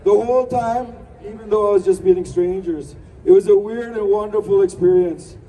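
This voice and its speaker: A man's voice: high voice, normal speed, warm tone. A man giving a declamatory rally speech as an activist, using rhetorical questions and repeated slogans to address a crowd. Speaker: activist speaker at a protest rally. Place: outdoors at a city rally. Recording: distant outdoor pickup with faint crowd noise. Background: faint crowd and urban ambience.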